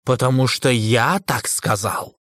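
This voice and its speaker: A man reading an audiobook, voicing a cold, contemptuous male drama critic in a slow, lowered, disdainful voice. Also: fairly bright tone, dry recording, studio quality, lightly acted. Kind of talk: audiobook character voice.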